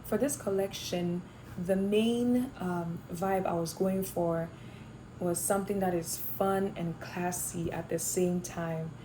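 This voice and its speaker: Young woman, from Ghana, lowish voice, thoughtful, noisy background. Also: steady tone, takes it slowly. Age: young adult. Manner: thoughtful, with fillers and restarts. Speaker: fashion design student. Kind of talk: interview answers to camera.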